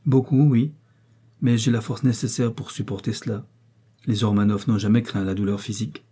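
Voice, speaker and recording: Haughty prince read by a man, cold and sarcastic, dark husky tone, audiobook. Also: lowish voice, steady tone, normal speed. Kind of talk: audiobook character reading.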